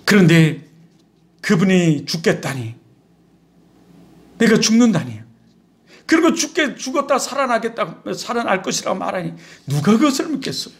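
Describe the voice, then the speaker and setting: Pastor guy preaching, chatty and animated, really high voice. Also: moderate pace, long pauses. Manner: animated, conversational preaching with rhetorical questions. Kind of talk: sermon.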